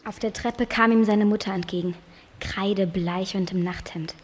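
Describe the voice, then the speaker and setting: A young girl reading a children's novel aloud, breathy and expressive. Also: medium pitch, moderate pace, a little hiss or hum. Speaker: reading contest winner.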